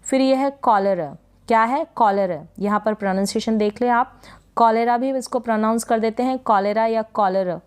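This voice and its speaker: A woman's voice: a little high, moderate pace, a little mellow, clean tone. A woman teaching English spelling and pronunciation, patiently repeating each word and asking rhetorical questions.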